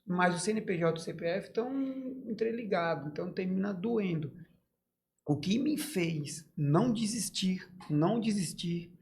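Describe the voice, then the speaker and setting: A man speaks as a guest on a podcast, recounting his own story in earnest, halting phrases full of restarts. His voice catches with emotion as he acts out what others said to him. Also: a little high, vocal fry, darkish tone. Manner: earnest, halting, with many restarts and quoted dialogue. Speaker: podcast guest, bakery founder.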